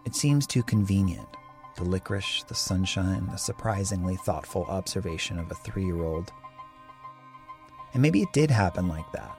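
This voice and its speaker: A male podcast host in a measured, reflective scripted narration. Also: low-pitched, animated, creaky, a little mellow, soft background music.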